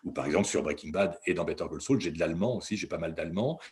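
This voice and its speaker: A man's voice: low voice, animated, rapid-fire, a little mellow. A man, a voice actor and dubbing director, chatting in an interview in a rambling, self-correcting way. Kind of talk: casual interview talk.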